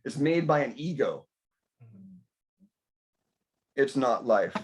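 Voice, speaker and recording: A middle-aged man hosting a casual group health discussion, rambling through animated stories and asides. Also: medium pitch, slow pace. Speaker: health talk host.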